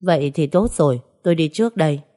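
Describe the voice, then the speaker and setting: A woman voicing a calm young woman who earnestly urges a friend to give himself up. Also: sits low, fast. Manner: earnest persuasion.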